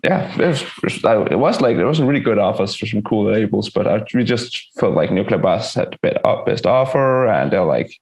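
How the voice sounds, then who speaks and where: A man with a gravelly voice, laid-back and a little hesitant, chatting casually in an interview as a band musician. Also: on the low side, expressive, normal speed, hardly any pauses, a little mellow. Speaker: touring metal band musician being interviewed.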